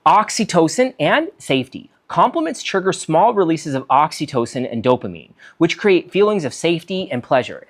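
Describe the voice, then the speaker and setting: A man's voice: fairly high pitch, moderate pace, hardly any pauses. A man, a physician, giving a solo talk, reading from notes and acting out example lines. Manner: animated, acts out quoted lines, reads from notes. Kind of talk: solo talk on conversation skills.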